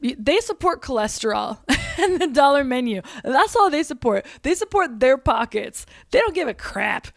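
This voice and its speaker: A woman with a high, bright-toned voice tears through a comedic rant, firing off exasperated rhetorical questions and curse words. Her delivery is sarcastic and full of sudden outbursts, and the recording is dry, with no room sound. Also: very animated, normal speed, gravelly, no room sound. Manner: sarcastic, exasperated, swearing freely. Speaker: comedian and show host.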